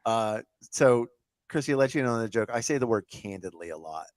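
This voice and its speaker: A man's voice: mid-range voice, lively intonation, moderate pace, no echo. A man hosting a podcast in casual chat, asking rambling questions full of restarts and repeated words. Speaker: podcast host.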